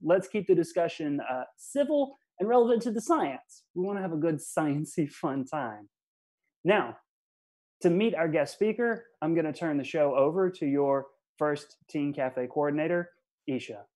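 A man's voice: on the high side, animated, moderate pace, darkish tone. A man hosting a museum science webinar, setting ground rules with light humor. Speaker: museum host.

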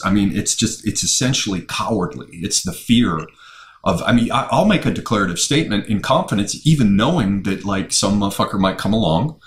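Southern guy ranting and cussing on a podcast, lowish voice, echoey room. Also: a bit bright. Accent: Southern American. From Southern United States. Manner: profane, ranting, opinionated. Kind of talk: casual podcast chat.

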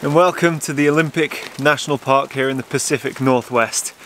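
With a medium-pitched, brisk voice, a man in his thirties who photographs landscapes vlogs casually to a handheld camera in a rain forest. He sounds chatty, enthusiastic and excitable. The camera mic, held close, is swamped by heavy noise from the steady rain.

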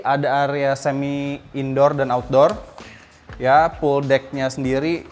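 A man presenting a house on a walking tour, relaxed, friendly and chatty. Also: mid-range voice. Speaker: real estate house tour host.

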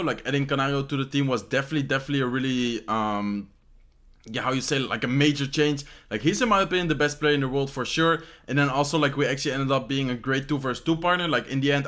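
This casual Q&A comes from a young adult man at home in his bedroom in the Netherlands, whose English carries a Dutch accent. He has a mid-range, fairly bright voice. Answering fans, he rambles loosely, scattering "like" fillers and "how you say this" searches throughout.

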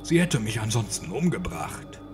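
A man's voice: fairly low pitch, big pitch swings, moderate pace, over music. A man voicing a frightened, stammering male scientist in his late thirties in a German horror audio drama. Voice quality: stammering, timid.

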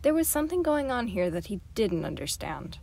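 A woman reading a novel aloud as an amateur audiobook narrator, in a steady, clear storytelling manner. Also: on the high side, a little fast. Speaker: audiobook reader.

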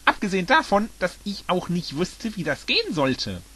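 Fretful male dinosaur read by a man, storybook, higher voice, bright tone. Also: huge pitch swings, moderate pace, husky, heavily acted. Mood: worried. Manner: fretful, reasoning aloud. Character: anxious male dinosaur, worried and helpless.

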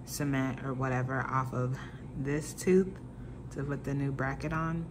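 A woman vlogger, chatting casually with fillers and self-corrections while holding a finger on her lower lip. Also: fairly even intonation, unhurried. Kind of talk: casual braces update vlog. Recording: noisy home recording.

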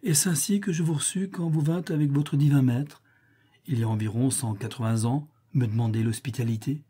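A man's voice: medium pitch, fairly even intonation, fairly quick, dark tone, husky, pitched above the performer's own voice, natural voice. A man doing a sly mocking old gambler. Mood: pleading. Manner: mocking, self-assured.

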